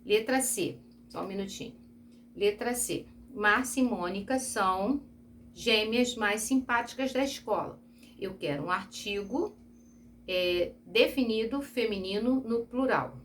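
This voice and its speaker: Brazilian lady teacher going over grammar slowly, checks in a lot, bit of background hiss. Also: mid-range voice, fairly bright tone. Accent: Brazilian Portuguese. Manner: patient, repeats and spells out examples with frequent check-ins. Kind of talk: recorded Portuguese grammar review lesson.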